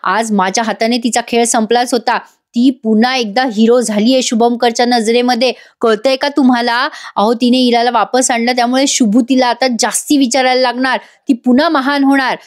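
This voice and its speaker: A woman's voice: on the high side, steady tone, normal speed, few pauses, natural voice. A woman voicing a furious, vengeful middle-aged mother who accuses and threatens a girl, in a serial recap.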